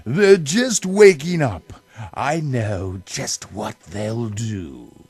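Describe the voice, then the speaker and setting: Man reading as the Grinch, very slow and theatrical. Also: medium pitch, a little mellow, no echo, full character voice. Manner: savoring, drawn-out, theatrical. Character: sly, gloating storybook grouch creature, male.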